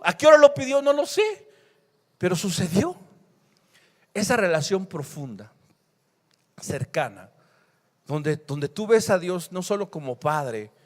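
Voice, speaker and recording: A male pastor, preaching a sermon that swings between loud emphasis and hushed scripture reading. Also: on the high side. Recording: long hall reverb.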